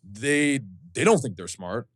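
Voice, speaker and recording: A man's voice: medium pitch, sing-song, unhurried, no echo. Opinionated guy on a podcast, voice bounces up and down a lot, dry sound. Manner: blunt, opinionated. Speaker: podcast co-host. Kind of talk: casual chat.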